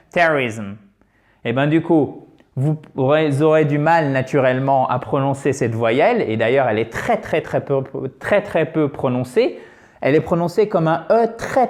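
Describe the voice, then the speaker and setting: French-speaking man teaching English pronunciation. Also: a little high. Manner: patient, explains step by step and repeats words slowly for pronunciation; addresses viewers directly and warmly as friends. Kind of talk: online language lesson.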